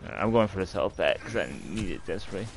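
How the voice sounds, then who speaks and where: A man with a fairly low voice talks through a live game stream on a headset, chatty and quick to laugh. He reacts out loud to every fight and thinks aloud about his picks. A faint hum sits under the voice. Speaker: streamer playing a team shooter. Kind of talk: live gameplay chat.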